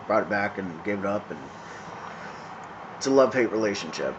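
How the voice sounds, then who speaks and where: A man in his thirties talking casually to a phone camera outdoors, smoking, with many pauses and restarts. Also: lowish voice, lively intonation, highs cut off. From San Francisco, California. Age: 30s. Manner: halting, many ums and restarts, conversational. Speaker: vlogger. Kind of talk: casual rambling monologue. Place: outdoors in town, evening. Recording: phone video with clear background noise.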